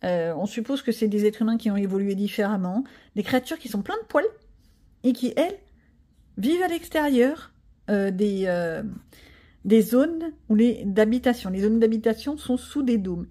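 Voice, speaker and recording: A woman's voice: on the high side, animated, moderate pace, dark tone. A middle-aged woman, chatting casually and rambling with self-mocking asides in a home vlog. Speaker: vlogger. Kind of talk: casual chat while coloring.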